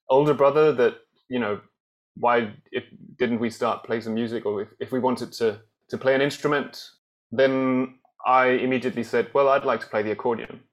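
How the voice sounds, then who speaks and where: A Danish man with a medium-pitched voice appears as a guest accordionist on a podcast interview. He tells his story thoughtfully, with plenty of fillers and restarts.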